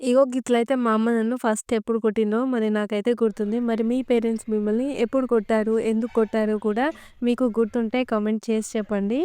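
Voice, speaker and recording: A woman's voice: a little high, clear, resonant tone, dry recording. A young woman, chatting casually as a home vlogger and telling a story straight to her viewers. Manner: lively, chatty, addresses viewers directly.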